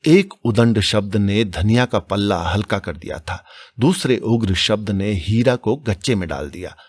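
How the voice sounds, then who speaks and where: Husky male audiobook narrator. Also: lowish voice, measured pace, dry recording. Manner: dramatic storytelling. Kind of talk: audiobook reading of a classic novel.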